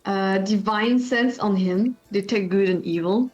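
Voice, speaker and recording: A woman's voice: mid-range voice, darkish tone, muffled recording. A woman playing a tabletop game who muses aloud as she talks. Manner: slow, musing. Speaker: player. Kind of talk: tabletop role-play chat.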